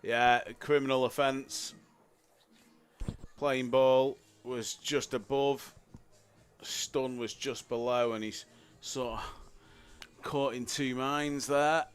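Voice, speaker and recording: A man giving live pool commentary, chatty and relaxed, thinking aloud about shot choices. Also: mid-range voice, slow, smooth.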